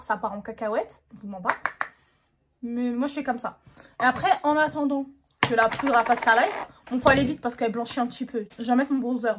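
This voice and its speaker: Young woman, beauty vlogger, casual makeup chat, slangy, self-mocking, a bit high-pitched. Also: noisy background.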